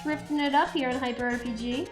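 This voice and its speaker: A woman in her thirties hosts a stream from a studio set with a table, painting while she chats casually and laughs often. She talks quickly in a high voice, with music playing underneath.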